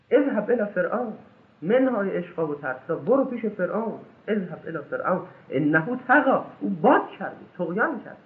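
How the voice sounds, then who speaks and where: A man delivers an impassioned sermon in a high voice, chanting scripture verses slowly between his own words. He leaps from loud outcries to low, hushed asides. The sound is tinny and narrow, like a phone line, with a strong roomy echo. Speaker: religious lecturer. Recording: echoey, tinny lo-fi recording.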